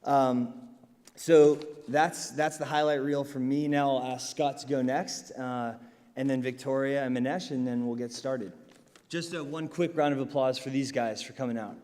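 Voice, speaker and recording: A man's voice: medium pitch, fairly even intonation, moderate pace, a little mellow. A man moderating a conference panel, upbeat and chatty, with many ums and uhs. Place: large conference hall. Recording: long hall reverb.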